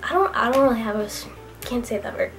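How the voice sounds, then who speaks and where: A woman's voice: on the high side, animated, fast, poor audio. A woman talking casually in vlog clips, chatty and confessional. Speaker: YouTuber. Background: music playing.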